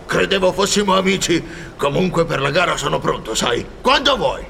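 A man's voice: a little high, lively intonation, moderate pace, gravelly, pushed and bright, slight background noise, exaggerated voice. A man voicing an indignant male mouse who is a cheese expert, in an audiobook. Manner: indignant, reproachful.

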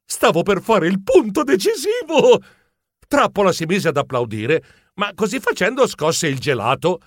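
A man narrating a comic children's story in the first person, in an animated, expressive telling. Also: high voice, dry recording, studio quality. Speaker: audiobook narrator.

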